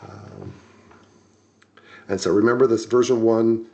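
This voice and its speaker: A low-voiced man leads a screen-share coding walkthrough. He explains at an easygoing pace, stopping for ums and restarting his sentences as he goes. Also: takes it slowly, highs cut off. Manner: relaxed, many ums and restarts while explaining. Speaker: software tutorial instructor.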